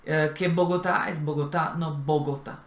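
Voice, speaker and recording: A woman's voice: lowish voice, a little slow. A woman co-hosting a language lesson, chatting casually and giving spoken examples. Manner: animated, gives spoken examples. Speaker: co-host of a language channel. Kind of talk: explanatory casual conversation. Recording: roomy echo.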